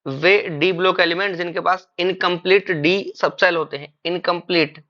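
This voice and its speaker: A man's voice: high-pitched, fairly even intonation, moderate pace, highs cut off. A man teaching chemistry in a classroom-style lecture. He calls his students "beta", poses questions and answers them himself, and mixes English terms into Hindi.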